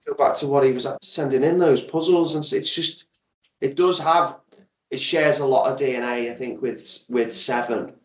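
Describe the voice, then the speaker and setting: Set back from the mic in an echoey room, a man with an average-pitched voice talks casually as a guest being interviewed about his work as an audio drama creator. His tone stays steady and his pace moderate, yet he's enthusiastic, leaning on words and repeating them to drive points home.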